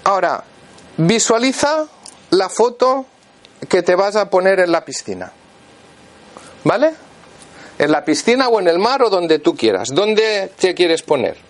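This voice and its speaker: High, lively man coaching a volunteer. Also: unhurried, long pauses. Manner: instructive, checks in constantly with "vale". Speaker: therapist leading a live demonstration. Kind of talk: guiding a volunteer in front of an audience.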